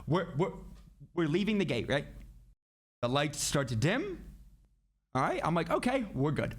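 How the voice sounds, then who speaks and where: Man, casual storyteller, slightly high voice, lots of pitch swings. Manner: animated, lots of restarts and asides. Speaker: YouTuber telling a story.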